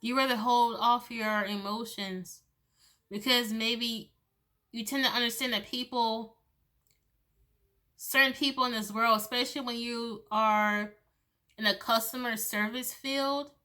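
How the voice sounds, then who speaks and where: A woman's voice: fairly high pitch, fairly even intonation, unhurried, bright, forceful tone. A woman giving a loose, chatty tarot reading, swearing freely and laughing between thoughts. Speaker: tarot reader. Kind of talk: casual tarot reading monologue.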